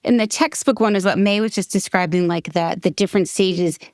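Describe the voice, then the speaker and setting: A woman's voice: mid-range voice, fairly quick, no room sound. Woman, podcast co-host, casual, agreeable, dry close sound. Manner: agreeing, lots of backchannel. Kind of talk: casual chat.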